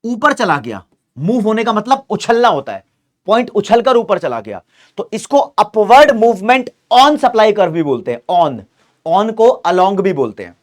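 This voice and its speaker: A man's voice: high voice, big pitch swings, unhurried. A male commerce teacher giving an online exam-revision lecture, explaining step by step, repeating key terms and often checking in with students.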